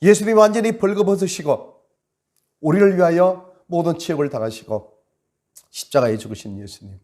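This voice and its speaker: A man's voice: on the high side, lively intonation, moderate pace, a little mellow. A male pastor preaching a sermon, dramatic, acting out quoted prayers and stretching words for emphasis.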